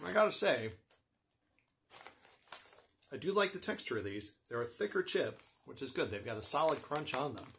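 A middle-aged man with a husky voice gives a casual, wry snack review with dry humor. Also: medium pitch, big pitch swings, normal speed, pauses often, a bit bright, a little hiss or hum. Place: small room with bookshelves, indoors.

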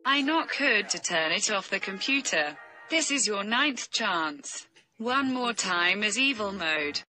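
A woman's voice: mid-range voice, expressive, takes it slowly, music in the background. A woman acting out a computer error character, threatening and growling, speaking in broken, simple English. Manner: threatening, counting down warnings with growls. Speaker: VTuber.

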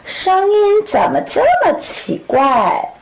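A woman voicing a curious, sweet little girl in a children's storybook, speaking in slow, exaggerated phrases. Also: very high voice, wildly swooping pitch, noisy background, pitched above the performer's own voice, full character voice.

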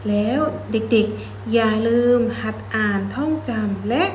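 A woman kindergarten teacher reciting letter sounds clearly and slowly for small children. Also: on the high side, a little mellow, slight background noise. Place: classroom or room at a childcare centre. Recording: echoey room.

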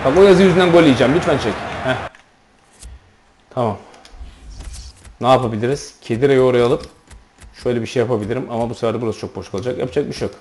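A man with a Turkish accent giving live commentary on his own football video game, cheering and complaining loudly at the play. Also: medium pitch, fast talker, pauses often, a little hiss or hum. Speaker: gameplay commentator.

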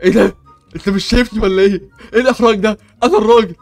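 A man's voice: high-pitched, fairly even intonation, racing, darkish tone, soft background music. A young man with an Egyptian Arabic accent, hosting an improvised game role-play with comic panic and bluster.

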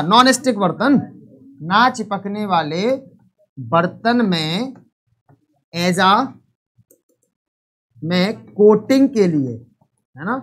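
A man's voice: high voice, a bit bright, breathy edge. A man teaching a live online chemistry lesson, repeating each point and quizzing students.

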